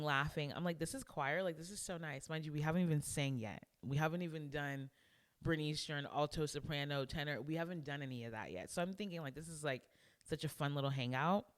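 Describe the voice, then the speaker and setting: A young adult woman co-hosting a podcast, telling a story in a casual, animated way and acting out what people said. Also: low-pitched, a little fast, clear, resonant tone. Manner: animated storyteller who acts out quotes. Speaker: podcast co-host. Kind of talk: casual chat.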